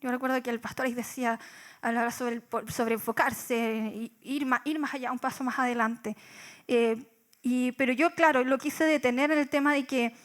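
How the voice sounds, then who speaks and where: A young woman with a Chilean Spanish accent preaching a sermon in a high voice. She talks reflectively, poses rhetorical questions and often pauses on fillers. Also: fairly even intonation. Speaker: church speaker.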